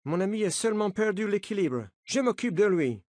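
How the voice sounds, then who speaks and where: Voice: medium pitch, lively intonation, fairly quick, darkish tone, no echo, clean studio sound, pitched above the performer's own voice, lightly acted. A reader voicing an adult male sports coach with an American accent, insistent and reassuring.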